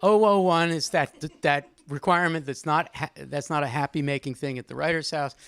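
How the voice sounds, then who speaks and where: With a medium-pitched, fairly bright and clean voice, the host speaks fairly quickly while leading a group discussion at a live gathering held in an indoor room. The tone is conversational and teasing, people are called on by name, and some poetry is read during the informal moderating.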